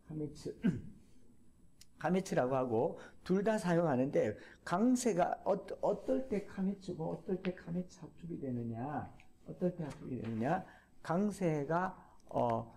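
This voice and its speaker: A man lecturing to a class, explaining step by step, repeating key terms and pausing with fillers. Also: fairly high pitch, lively intonation, warm tone.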